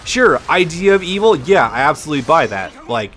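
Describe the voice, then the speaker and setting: A man's voice: on the high side, big pitch swings, brisk, a bit bright, slight background noise. A man with a lisp giving casual, rambling gameplay commentary as a let's play host, swearing freely and restarting his sentences often. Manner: rambling, profane, frequent restarts.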